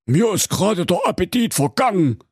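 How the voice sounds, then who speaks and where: A man's voice: sits high, very animated, normal speed, a little mellow, husky, no room sound, clean studio sound, pitched above the performer's own voice, full character voice. A man voicing a cowardly, whiny big bad wolf, nervous and blustering.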